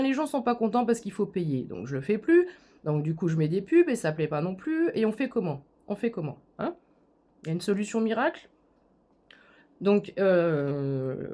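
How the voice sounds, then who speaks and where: A woman's voice: on the low side, dark tone. A woman YouTuber in a casual vlog, reading hater comments aloud and answering them sarcastically, with many hesitant fillers. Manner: sarcastic, talks straight to critics with hesitant fillers.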